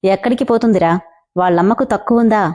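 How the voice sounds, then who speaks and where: A woman's voice: medium pitch, fast talker, a little mellow, lightly acted. A woman reading a sneering village landlord. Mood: sneering taunts. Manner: taunting, sneering. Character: cruel mocking village landlord man, arrogant.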